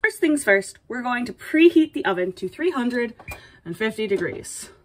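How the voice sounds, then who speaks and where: The host of this comedic in-character baking tutorial is a young woman playing a sassy, playful princess with a mock-dainty air and dry side comments. Her natural voice is a little high, with lively intonation at normal speed and a slight hiss or hum. She's recorded indoors in a small home kitchen by a camera mic several feet away.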